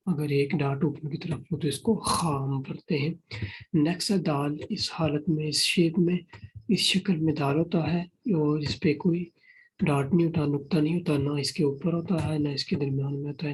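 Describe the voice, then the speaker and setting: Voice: mid-range voice, a little mellow, breathy edge, low-quality recording. A Quran reading teacher giving a beginner alphabet lesson, patiently repeating each point and mixing in English words.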